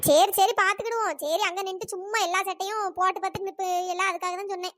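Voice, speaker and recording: A woman's voice: fairly even intonation, rapid-fire, a bit bright, dry recording. A woman voicing a bossy elder village woman in a cartoon, nagging. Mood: scolding. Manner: scolding, nagging, squeaky cartoon voice. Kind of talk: cartoon dialogue.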